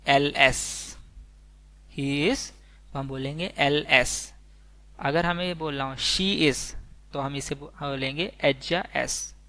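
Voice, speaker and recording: Indian male teacher, unhurried, repeats every example, gravelly edge. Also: a little high, sharp tone. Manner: slow, repetitive, spells out each example twice. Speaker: Spanish teacher. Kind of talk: slide-based language lesson.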